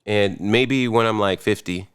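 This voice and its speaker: Smooth low-voiced man in casual chat. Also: a little slow. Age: 30s. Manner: relaxed, supportive listener with slang. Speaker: podcast co-host.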